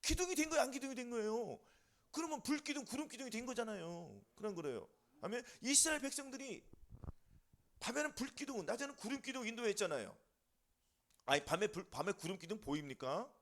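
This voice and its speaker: A man with a high voice preaches in a fast, lively way that swings widely in pitch. He keeps firing questions at the congregation and answering them himself, in the rhythm of a fervent sermon. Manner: call-and-response questions to congregation, rising and falling emphatically. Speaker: pastor.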